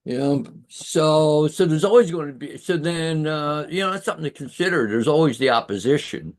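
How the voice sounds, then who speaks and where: A man who teaches martial arts, chatting on a video call, halting and searching for words with many fillers. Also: a little high, animated. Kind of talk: casual chat on a video call.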